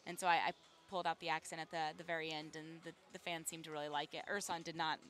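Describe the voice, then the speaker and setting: A young woman in casual courtside chat, animated and chatty, telling stories about her work. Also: low-pitched, soft background music. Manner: animated, chatty, quick to laugh. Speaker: sideline reporter. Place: arena courtside.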